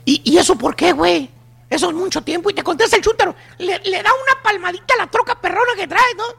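A Mexican radio host spins a comic story in slangy, teasing, emphatic bursts. His voice is very high with a gravelly creak. Light music plays underneath. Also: quick pace, a bit bright. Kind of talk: comedic storytelling monologue.

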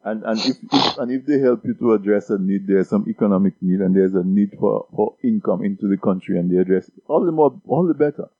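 A man from Dominica, a guest in a casual discussion, speaks fast and huskily in a lowish voice with few pauses, stammering and repeating words as he builds his points. The dry recording has a dull, lo-fi sound.

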